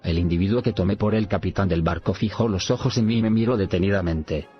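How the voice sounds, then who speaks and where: Deep-voiced male audiobook narrator. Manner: measured, reads punctuation aloud. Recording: dull lo-fi recording, faint music.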